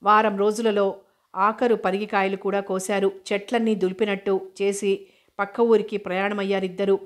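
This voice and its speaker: Woman narrating a novel in an even tone. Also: medium pitch, normal speed. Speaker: audiobook narrator. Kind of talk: novel reading.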